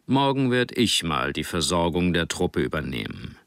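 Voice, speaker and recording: A man voicing a proud middle-aged father in an audiobook, speaking slowly and fondly. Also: deep voice, sing-song, a bit bright, no echo, clean studio sound, heavily acted. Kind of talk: audiobook character reading.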